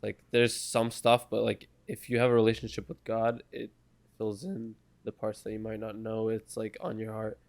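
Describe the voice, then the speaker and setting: A man's voice: lowish voice, completely flat delivery, moderate pace, creaky. A young man co-hosting a casual podcast, laid-back and a little hesitant, often trailing off with fillers and laughing easily. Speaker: podcast co-host. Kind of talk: casual chat.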